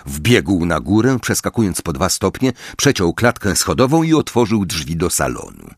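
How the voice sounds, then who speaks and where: Slow, dramatic male narrator, dry close sound. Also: sits low, breathy edge, dry recording. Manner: dramatic, expressive storytelling. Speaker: audiobook narrator. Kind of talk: dramatic audiobook reading.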